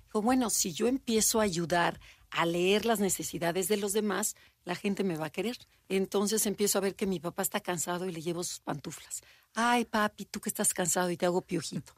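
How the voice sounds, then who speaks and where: A woman's voice: mid-range voice, brisk, dry recording. A woman co-hosting a podcast in casual chat, often acting out children and parents in little quoted voices. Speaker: podcast co-host.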